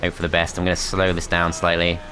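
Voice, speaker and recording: A man's voice: sits low, monotone, fast talker, pushed and bright, faint music behind. A man commentating his strategy game as he plays, thinking aloud in a tentative, self-critical way. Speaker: gameplay commentator.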